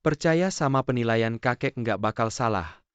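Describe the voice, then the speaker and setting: Seorang pria yang mengisi suara tokoh dalam drama TV yang disulihsuarakan, nadanya menegur dan menggurui. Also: male voice, mid-range voice, lively intonation, normal speed, clean tone, dry recording, natural voice. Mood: scolding. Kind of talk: dubbed TV drama dialogue.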